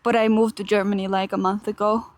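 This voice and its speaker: A woman's voice: mid-range voice, little pitch movement, fast talker, a little mellow. A young woman from Finland, chatting casually to her live-stream viewers while walking outdoors. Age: young adult. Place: outdoors in a park and transit stations.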